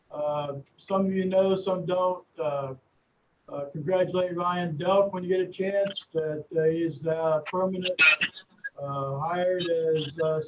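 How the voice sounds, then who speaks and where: A mayor giving his report to a council, sounding distant and muffled as if speaking from inside a well over a call-in line, pausing often with filler sounds. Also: high voice, noisy background. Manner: halting, many filler pauses. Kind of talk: administrative report at a council meeting. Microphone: remote call-in line.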